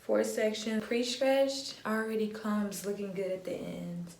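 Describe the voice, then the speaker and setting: A young woman vlogger, talking viewers through a hair tutorial in a relaxed, chatty way, a little groggy from just waking up. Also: mid-range voice, a little slow, noisy background. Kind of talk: casual how-to tutorial. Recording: echoey room with faint ambience.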